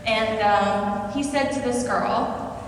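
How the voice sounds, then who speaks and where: A young woman with an American accent, somewhat high-voiced, tells a personal story to a conference audience in a casual, self-deprecating way. She is picked up from a distance in a large hall, so her voice rings with long reverb. A steady hum of room noise sits under her words. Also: takes it slowly. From Singapore. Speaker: conference speaker. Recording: echoey hall, voice from far off.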